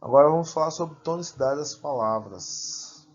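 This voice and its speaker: A male teacher giving a grammar lesson, repeating and drawing out example words slowly and deliberately. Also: a little high, lively intonation, highs cut off.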